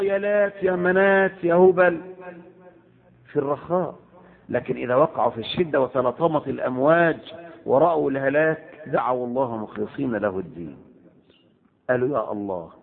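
A man preaching a sermon with an Egyptian Arabic accent, impassioned, switching between loud exclamations and hushed asides. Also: mid-range voice, vocal fry. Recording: tinny phone-like audio.

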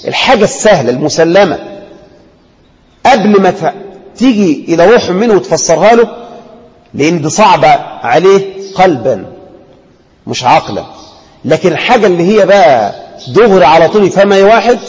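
A man with an Egyptian Arabic accent teaching a religious lesson, acting out debates and often dropping to a low, quiet voice. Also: animated, fairly quick, long pauses, slightly rough. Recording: echoey hall, dull lo-fi sound.

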